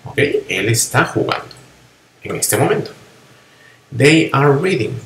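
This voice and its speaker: A man's voice: sing-song, a bit bright. Man teaching English grammar in Spanish. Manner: explains slowly, spells out letters and checks with a frequent "ok?"; says English examples slowly and higher, then translates. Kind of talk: recorded online grammar lesson. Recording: roomy echo with faint background hiss.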